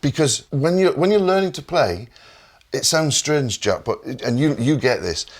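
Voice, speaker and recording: A man's voice: mid-range voice, lively intonation, moderate pace. Enthusiastic Northern English man. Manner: enthusiastic, explanatory, repeats words. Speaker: product specialist. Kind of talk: casual product demo chat.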